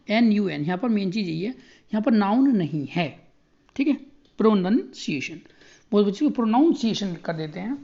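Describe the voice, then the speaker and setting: Teacher type, male, mellow tone, spells slowly letter by letter, slightly muffled lo-fi recording. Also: high-pitched, gravelly. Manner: spells words out letter by letter, repeats checks for understanding. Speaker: exam coaching teacher.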